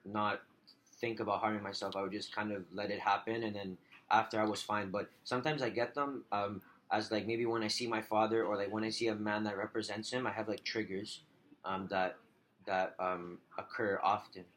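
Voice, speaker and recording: A man with a fairly low voice answers as the client in a role-played phone counselling call. His speech is halting and hesitant, broken up by frequent filler words. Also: steady tone, a bit bright, slight background noise. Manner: halting, hesitant, heavy use of filler 'like'.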